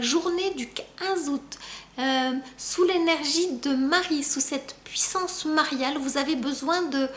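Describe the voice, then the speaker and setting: High-voiced woman giving a gentle spiritual message. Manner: gentle, encouraging, addresses listeners fondly; a little halting, with fillers. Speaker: spiritual coach. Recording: roomy echo.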